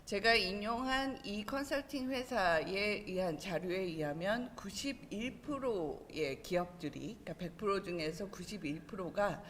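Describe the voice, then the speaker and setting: A woman's voice: mid-range voice, unhurried, hardly any pauses, a bit bright. Female conference speaker, formal presentation style, mid-range voice in an echoing hall with faint noise. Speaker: presenter, education consulting company head. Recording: roomy hall with long reverb, faint noise.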